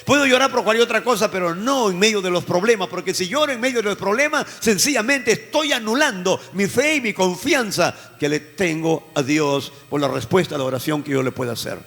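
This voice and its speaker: A man's voice: sits high, expressive, a little fast, vocal fry, few pauses, fairly bright tone. A male pastor from Peru preaching a sermon with passion, repeating key words for emphasis. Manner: impassioned preaching with repeated phrases. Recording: church hall reverb with faint music.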